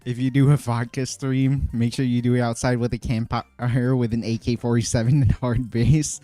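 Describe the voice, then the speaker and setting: A man's voice: mid-range voice, little pitch movement, normal speed, dark tone, dry recording, faint music behind. A man streaming while making cocktails, chatting casually and rambling with many fillers and restarts. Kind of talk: casual chat.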